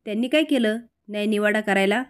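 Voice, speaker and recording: A woman reading a gentle soothing wife. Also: mid-range voice, fast talker, smooth, dry recording, clean studio sound, natural voice. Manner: soothing, reasoning.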